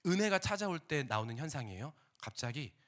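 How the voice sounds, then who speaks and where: A young man preaching a sermon, animated and theatrical, dropping to whispers and rising to shouts as he acts out scenes. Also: fairly high pitch, fairly quick.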